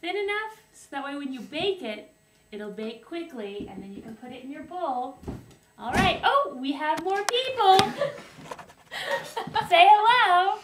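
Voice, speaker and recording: Giggling often, a young woman hosts a homemade cooking video in a playful, mock-formal manner, her voice extremely high, expressive and a little slow. A far-off camera picks her up in a small wooden kitchen, so the sound is roomy and distant with a faint hiss.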